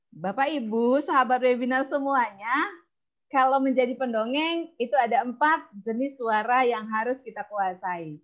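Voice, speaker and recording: Expressive woman storytelling teacher. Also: fairly high pitch. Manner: lively, expressive. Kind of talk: webinar lesson. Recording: dull lo-fi webinar audio.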